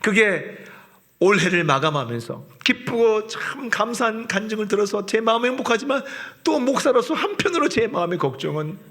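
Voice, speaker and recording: 교회에서 설교하는 남자 목사로, 힘주어 강조하다가 속삭이듯 낮추며 표현력 있게 말한다. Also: male voice, sits high, creaky. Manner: expressive, swings from loud emphasis to soft whispered asides. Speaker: pastor. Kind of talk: sermon. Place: church.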